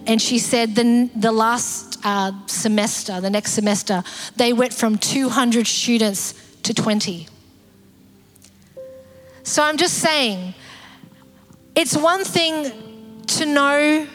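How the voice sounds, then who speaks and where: Woman pastor, lively sermon delivery with acted-out voices, higher register, soft music bed. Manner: animated, acts out quoted voices.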